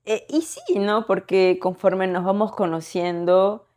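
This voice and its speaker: A woman's voice: mid-range voice, fairly even intonation, measured pace, darkish tone. A young woman co-hosting a podcast, talking reflectively in casual chat, hesitating and adding tag questions as she thinks aloud. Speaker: podcast co-host.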